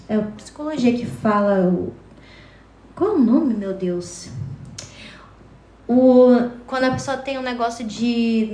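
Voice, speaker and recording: A woman's voice: fairly high pitch, echoey room. A woman telling a personal story casually to her live viewers, acting out the voices from her dream. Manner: animated, acts out quotes from her dream. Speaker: TikTok live streamer.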